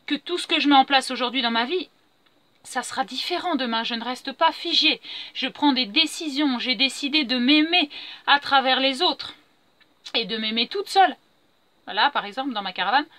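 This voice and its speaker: A woman's voice: high voice, pushed and bright, no echo. A middle-aged woman talking earnestly and repetitively about her feelings in a spontaneous spiritual monologue. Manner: earnest, repetitive, self-affirming. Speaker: vlogger sharing personal growth.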